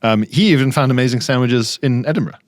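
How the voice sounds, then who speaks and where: A man co-hosting a comedy podcast, spinning his anecdotes with animated, exaggerated flair. His voice sits at an ordinary pitch for a man. It is recorded close and dry, with no room sound. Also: fast, no room sound. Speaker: podcast co-host. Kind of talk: casual comedy chat.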